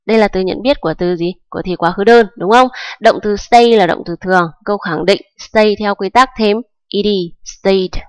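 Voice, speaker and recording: A woman's voice: medium pitch, normal speed, clean tone, dry recording. Patient woman teaching grammar. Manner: patient, step-by-step, often checks with listeners. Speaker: English teacher. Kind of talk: grammar lesson explanation.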